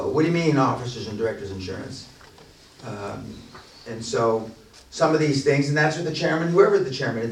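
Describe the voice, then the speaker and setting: His mid-range voice comes through slight background noise as he addresses the room at a business seminar, off the cuff, blunt, boastful, profane and full of restarts. The venue room is large and echoey, and the mic sits far away.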